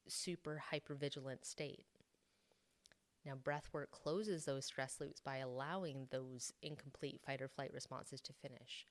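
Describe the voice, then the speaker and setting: A woman hosting a solo podcast, calmly explaining and talking about her own sobriety. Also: sits low. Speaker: podcast host.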